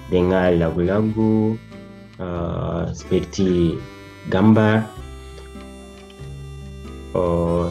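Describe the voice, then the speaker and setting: A young man with a Ugandan accent, a foreign student speaking Indonesian as a learned language in simple, halting phrases, giving a personal testimonial. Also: low-pitched, dark tone. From Uganda, East Africa. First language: not Indonesian, learned as a foreigner. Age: young adult. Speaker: international master's student.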